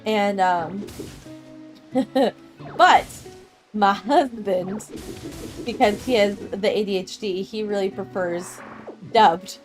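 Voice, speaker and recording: While streaming a game, a young adult woman speaks slowly in a mid-range voice, pausing often. She chats casually with her viewers, wandering between thoughts and laughing frequently over soft background music.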